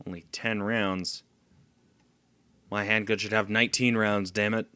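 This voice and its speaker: A man's voice: lowish voice, flat delivery, measured pace, bright, forceful tone, clean tone, dry recording. A man commenting casually on a stealth game as he plays, swearing and laughing at his own failures. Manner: frustrated outbursts, swearing, laughing at himself. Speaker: gameplay streamer.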